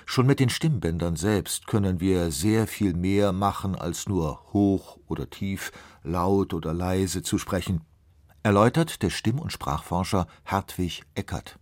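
A man narrating a radio feature in a smooth, measured, scripted way. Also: sits low, darkish tone, no echo, clean studio sound.

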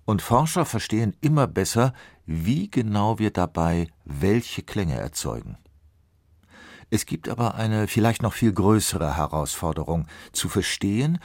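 A man narrating a radio feature in a smooth, measured, scripted way. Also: on the low side, very animated, a little mellow, no room sound, clean studio sound.

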